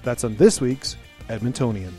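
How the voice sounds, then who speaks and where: A man's voice: mid-range voice, moderate pace, loud music behind the voice, lightly acted. A man playing a polite, earnest local interview show host, speaking a little hesitantly in a mock radio interview. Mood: upbeat, presenting.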